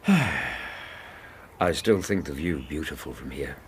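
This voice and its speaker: A kindly English doctor in a radio drama. He speaks low and with lively rises and falls, gentlemanly and full of concern. Faint noise sits behind the voice. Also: extremely slow, exaggerated voice. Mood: fond exasperation. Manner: hesitant, gentlemanly, solicitous. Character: kindly, concerned male doctor, loyal companion.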